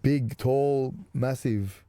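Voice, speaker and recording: In a small caravan music studio, a middle-aged Macedonian podcast co-host talks very slowly in a mid-range voice with a dark tone. The conversation is casual and easygoing, sprinkled with plenty of swearing. No room sound is audible.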